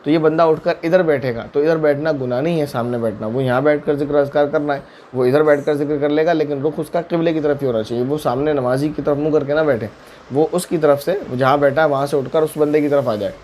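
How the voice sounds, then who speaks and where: A man's voice: a little high, steady tone, a little mellow, a little hiss or hum. A man serving as a mufti who answers viewers' questions in a religious lesson. He explains each ruling patiently and step by step, using worked examples.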